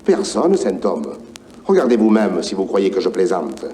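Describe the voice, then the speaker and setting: An actor with a Provençal accent playing a genial, obliging old male saint who keeps heaven's gate, in a high, lilting voice. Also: big pitch swings, moderate pace, dark tone, slight background noise.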